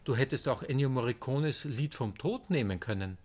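A man's voice: medium pitch, normal speed, close to an everyday voice. A man voicing a cheerful, teasing old man while reading his book aloud. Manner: lively, raised and teasing.

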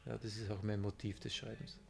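A man's voice: on the low side, little pitch movement, brisk, gravelly. A man, an author talking to his audience and reading from his book, with frequent fillers. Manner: hesitant, many fillers and restarts.

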